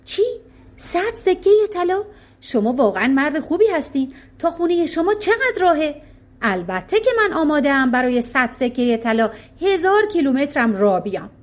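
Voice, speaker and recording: A woman voicing a greedy, boastful grown man in a storybook tale. He talks in an eager, grasping, excitable way. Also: high-pitched, pitched above the performer's own voice. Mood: greedy glee.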